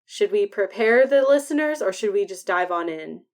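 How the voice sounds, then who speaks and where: A woman's voice: medium pitch, lively intonation, normal speed. Casual woman podcaster with whistling S sounds. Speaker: podcast co-host.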